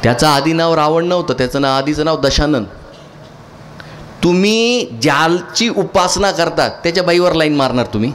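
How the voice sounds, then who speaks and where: A man's voice: on the high side, normal speed, a bit bright, slight background noise. A man speaking to a live audience, often asking a question and answering it himself. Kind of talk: lecture to an audience.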